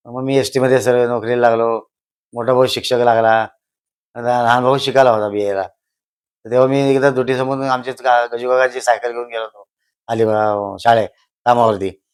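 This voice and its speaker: An older man, telling stories at a slow pace and repeating phrases for emphasis. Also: mid-range voice, smooth. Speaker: guest, host's father. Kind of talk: casual storytelling.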